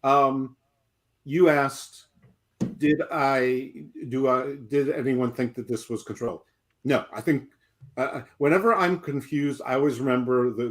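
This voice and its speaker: Fifties male co-host, mid voice, rambling jokey chatter. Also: medium pitch. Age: 50s. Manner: rambling, jokey, self-interrupting. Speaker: podcast co-host. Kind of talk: casual wrestling chat.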